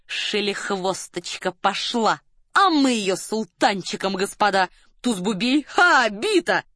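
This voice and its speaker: A woman voicing a dashing, reckless male hussar count who loves to gamble, loud and rollicking. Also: a little high, animated, moderate pace, no room sound, clean studio sound. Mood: rowdy.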